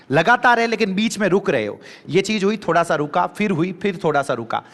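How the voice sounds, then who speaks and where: A man teaching vocabulary for an exam with lively energy, spelling words letter by letter and drilling with repeated questions. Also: a little high. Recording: long hall reverb.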